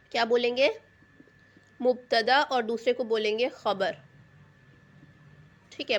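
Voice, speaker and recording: A woman's voice: a little high, fairly bright tone. A woman teaching a grammar lesson. She explains patiently, repeats key terms, and asks rhetorical questions to check understanding.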